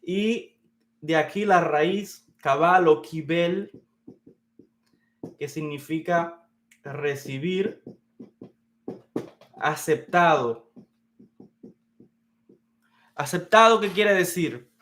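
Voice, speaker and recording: A man with a slightly high voice gives a beginner's lesson on Kabbalah. He talks in a measured, step-by-step way, circling back to key words as he points things out on a whiteboard. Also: a bit bright. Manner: unhurried, explains step by step, repeats key words. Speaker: Kabbalah teacher. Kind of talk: explanatory lecture on Kabbalah. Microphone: teaching at a whiteboard.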